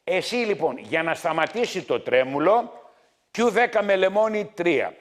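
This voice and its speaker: A middle-aged man hosting a health show as a doctor, scolding his viewers loudly and repeating his points again and again. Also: high-pitched, animated. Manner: loud, scolding, repetitive, hammering points. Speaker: TV doctor host.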